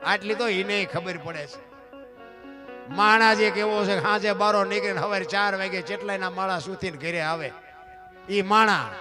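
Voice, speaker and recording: A man giving a folk moral talk, his voice sitting high for a man. He keeps turning to his listeners with rhetorical questions. A guitar plays clearly underneath him. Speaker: folk storyteller at a dayro gathering. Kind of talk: folk moral discourse to a live audience.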